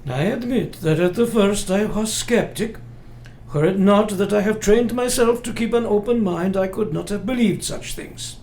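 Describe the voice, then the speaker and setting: An actor playing an old foreign professor and vampire hunter in a radio play, speaking with grave, formal, halting earnestness. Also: male voice, high-pitched, darkish tone. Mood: grave, resolute. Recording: roomy, faint background noise.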